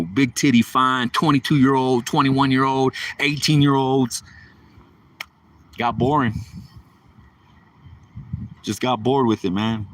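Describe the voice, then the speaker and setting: A man's voice: mid-range voice, far from the mic. A man livestreaming, telling stories in a casual, rambling way with lots of profanity and street slang. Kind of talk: casual storytelling.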